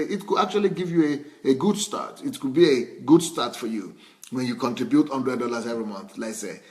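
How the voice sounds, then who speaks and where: A middle-aged man with a Nigerian accent, preaching in a relaxed, conversational way and often restarting and repeating words. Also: mid-range voice. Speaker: pastor. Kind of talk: sermon.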